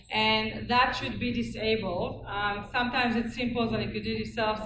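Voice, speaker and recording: A woman's voice: fairly high pitch, noisy background. A woman answering audience questions at a public meeting, giving direct, firm advice. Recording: echoey hall with crowd.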